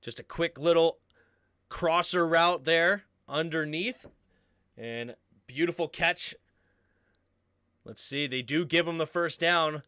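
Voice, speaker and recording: A man hosting a live sports stream, giving play-by-play commentary that bursts into shouting on big plays. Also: a little high, slow pace, long pauses, clear, resonant tone, no room sound. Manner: erupts into shouting on big plays, frustrated muttering over tech trouble.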